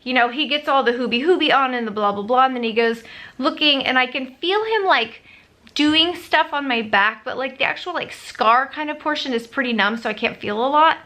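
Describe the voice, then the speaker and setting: Bright-voiced chatty woman vlogger. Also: sits high, brisk. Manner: chatty, retells others' lines in quotes. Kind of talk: casual storytime vlog.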